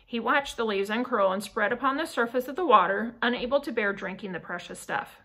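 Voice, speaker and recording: Lady reading a classic novel out loud, bright voice, kinda high. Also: low-quality recording. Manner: measured, careful reading. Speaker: audiobook reader. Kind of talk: novel read aloud.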